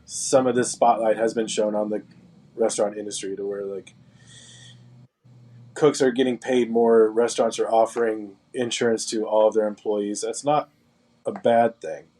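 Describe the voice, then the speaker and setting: Really mellow low guy just chatting, measured, talking things through. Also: fairly even intonation, rough recording. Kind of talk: casual conversation.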